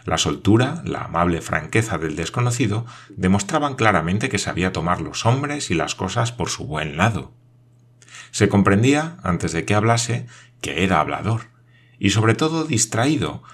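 In a very deep, husky voice, a male narrator reads a novel aloud. The reading is steady and scripted like an audiobook, its delivery measured and even.

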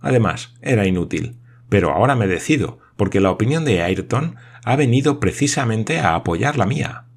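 A man voicing an excitable, talkative male geographer in an audiobook, speaking eagerly and with emphasis. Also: lowish voice, normal speed, husky, voice pushed up.

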